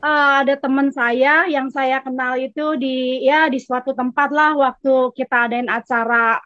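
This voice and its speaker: A woman's voice: high-pitched, steady tone, a little slow, fairly bright tone, dry recording, dull audio. A woman from a church gathering telling a testimony in a chatty way, acting out both sides of a conversation. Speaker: congregation member giving testimony. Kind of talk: casual storytelling testimony.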